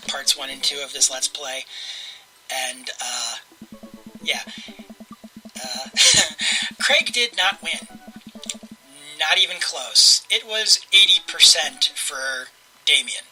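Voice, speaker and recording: A man's voice: on the high side, background noise. A man hosting a let's play, casually commentating and reading game narration aloud.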